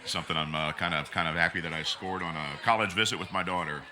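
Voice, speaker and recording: A man's voice: low-pitched, fairly even intonation, fast. A middle-aged American man bantering as a parade commentator, joking in a wry, rambling comedian's way.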